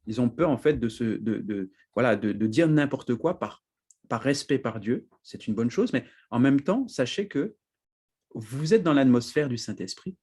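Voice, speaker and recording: A husky-voiced man giving a teaching sermon at a middle pitch. He talks in an animated way, jumping up for emphasis and often laughing as he goes. He keeps checking that his listeners follow along. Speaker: preacher.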